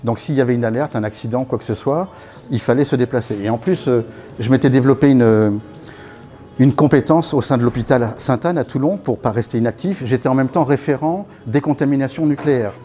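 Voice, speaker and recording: A man in his fifties, born in Congo to French parents and raised in Africa, tells his life story as a guest speaker at a networking evening, speaking a little fast with a dark, mid-range voice. His anecdotal delivery is casual, full of fillers and restarts, picked up by a distant camera in a small meeting room with faint music behind.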